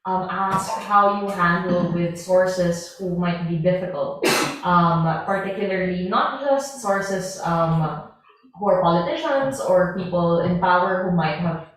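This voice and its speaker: A woman's voice: lowish voice, a little slow. A woman from the Philippines asks a hesitant question over a video call whose audio keeps breaking up. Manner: hesitant, many ums. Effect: choppy video-call audio breaking up. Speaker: audience member asking a question. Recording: echoey, distant video-call audio with faint noise and clicks.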